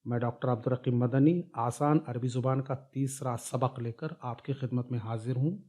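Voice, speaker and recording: A man giving a step-by-step Arabic grammar lesson, slowly drilling syllables one at a time. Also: medium pitch, steady tone, dark tone. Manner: slow, drawn-out syllable drills. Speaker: Arabic teacher.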